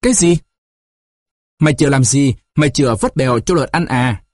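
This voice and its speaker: A man's voice: mid-range voice, expressive, brisk, darkish tone, dry recording, clean studio sound, lightly acted. A man voicing a middle-aged village mother who cries out in shock. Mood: alarmed. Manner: exclaiming in alarm.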